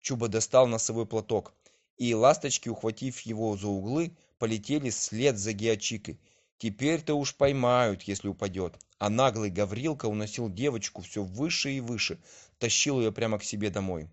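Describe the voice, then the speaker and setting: A man narrating a children's story with an expressive, lively reading, on a dull lo-fi old recording. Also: fairly low pitch, normal speed.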